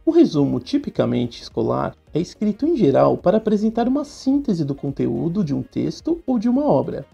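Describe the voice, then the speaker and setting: A woman teacher with a Brazilian Portuguese accent, giving a recorded lesson that she explains step by step while asking the class quick questions. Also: on the low side, very animated, creaky, warm tone. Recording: slightly dull recording with faint music.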